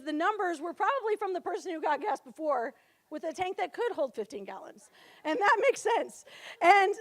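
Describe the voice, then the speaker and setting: Very high-voiced young woman telling a funny story. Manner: chatty, full of "like", laughs often while telling. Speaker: retreat speaker. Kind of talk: humorous personal storytelling.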